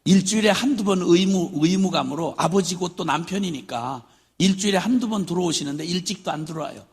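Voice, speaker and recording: Telling funny stories from the pulpit, an older man preaching as a missionary acts out voices and mimics his father shouting drunkenly. He speaks briskly in a high, husky voice.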